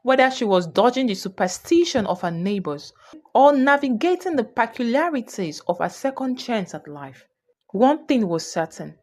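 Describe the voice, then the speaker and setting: A woman's voice: a little high, sing-song, moderate pace, darkish tone. A woman narrating a folktale expressively and voicing each character herself. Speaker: storyteller. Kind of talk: storybook narration.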